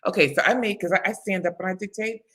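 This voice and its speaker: A woman book coach hosts live writing sprints in a casual, chatty live-stream, laughing often and reading viewer comments aloud. She talks fast in a mid-range, slightly bright voice.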